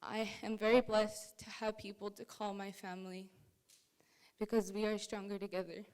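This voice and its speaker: Young woman, smooth clear voice, mid pitch, earnest and measured, reading aloud. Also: little pitch movement, a little mellow, rough recording. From Canada. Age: young adult. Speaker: speaker at a museum talk. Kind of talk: reading a prepared personal story.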